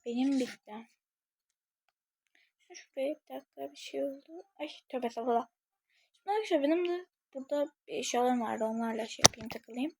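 A woman's voice: high-pitched, animated, a little fast, a little hiss or hum. A young woman casually commenting on a game she is playing, chatting to her viewers and thinking aloud as she goes. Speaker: gaming channel creator.

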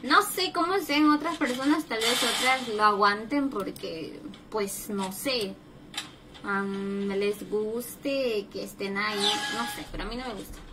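A young woman chatting casually with viewers on a gaming livestream, greeting them and breaking into loud exclamations. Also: mid-range voice, measured pace. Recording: loud background noise.

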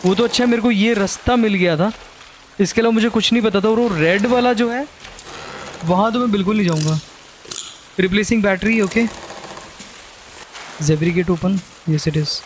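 A man's voice: high voice, moderate pace, long pauses, a little hiss or hum. A young man giving casual commentary while playing a horror game, switching between Hindi and English, jumpy and swearing. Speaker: gaming streamer.

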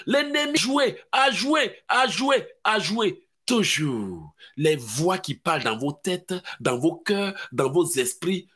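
Male Ivorian French pastor, high, bright, fiery preaching with mocking asides. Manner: swings between shouted preaching and low mocking voices of doubters. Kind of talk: fiery sermon.

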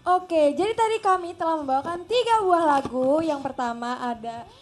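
High-voiced young woman recapping songs. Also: moderate pace, soft background music. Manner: cheerful, recapping the setlist. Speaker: idol group member on stage. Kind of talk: stage chat.

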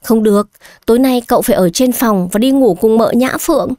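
A woman's voice: on the high side, brisk, mellow, no echo, clean studio sound, natural voice. Woman doing a patient old housemaid. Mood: patient coaxing. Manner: polite, coaxing. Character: old household maid in her sixties, patient, dutiful.

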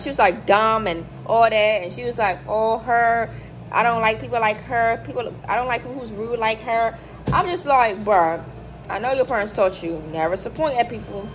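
Animated young woman with a higher voice, telling a storytime. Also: moderate pace, faint music behind, low-quality recording. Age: 20s. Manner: animated, acts out quoted people in a higher voice. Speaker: vlogger. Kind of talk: casual storytime chat. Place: hotel room, indoors. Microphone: phone camera held close below the face.

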